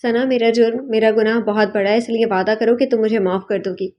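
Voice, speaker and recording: A woman voicing a remorseful young husband in an audiobook, with a soft, pleading and emotional delivery. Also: fairly high pitch, steady tone, lightly acted. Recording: dull lo-fi recording.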